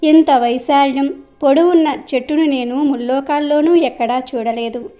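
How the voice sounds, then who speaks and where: A woman voicing a sly old male sage who flatters and coaxes, in a high voice. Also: moderate pace, natural voice. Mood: coaxing.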